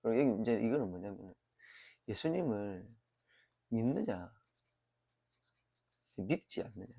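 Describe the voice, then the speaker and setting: Gravelly-voiced Korean man preaching casually. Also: on the low side, very animated, unhurried, warm tone. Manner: conversational, many fillers and rhetorical "right?" checks. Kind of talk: informal sermon with anecdotes.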